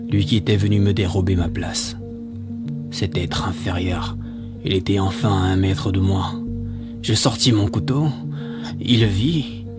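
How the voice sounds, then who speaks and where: A man reading a scripted monologue in a solemn, exhorting manner with rhetorical repetition. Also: on the low side. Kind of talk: scripted spoken-word monologue. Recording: music behind the voice.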